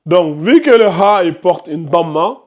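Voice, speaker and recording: Brief: high-pitched male teacher in a classroom, quizzes students, repeats terms. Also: animated, unhurried. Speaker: Quran recitation teacher. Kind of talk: live classroom tajwid lesson.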